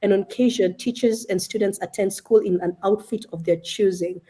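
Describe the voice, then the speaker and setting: A woman with a mellow, warm tone gives a spoken presentation about her school. She talks with earnest enthusiasm. She sometimes restarts a phrase as she searches for words. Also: mid-range voice, steady tone, brisk, husky.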